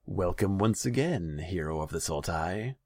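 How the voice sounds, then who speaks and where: A man's voice: deep voice, very animated, normal speed, dry recording, clean studio sound, voice pushed up, exaggerated voice. A man voicing a cruel, theatrical male khan who sneers and commands. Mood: mockingly gracious.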